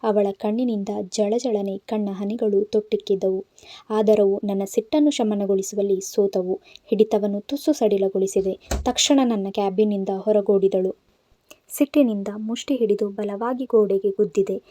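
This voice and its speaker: A woman's voice: mid-range voice, fairly even intonation, moderate pace, dark tone, no room sound. A woman reading an audio novel aloud, telling a man's story in first person and voicing its characters. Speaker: narrator. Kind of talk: Kannada audio novel narration.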